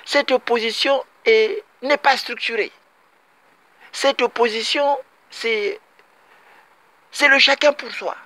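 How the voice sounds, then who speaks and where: A man's voice: very high-pitched, slow pace, pauses often, sharp tone, no echo. A man from Congo-Brazzaville giving an emphatic political commentary monologue, repeating his points and addressing his compatriots directly.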